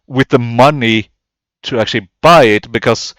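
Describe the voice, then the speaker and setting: A man's voice: medium pitch, moderate pace, a bit bright, dry recording. A man playing in a tabletop game, laughing a lot and swearing casually. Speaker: player.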